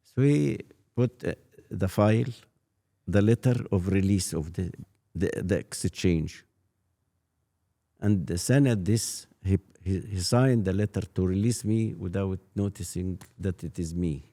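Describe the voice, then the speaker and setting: A man in his eighties with an Egyptian accent, a native Arabic speaker, telling his life story as a priest in an interview, halting and repeating words. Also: deep voice, warm tone. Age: 80s. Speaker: Coptic priest guest.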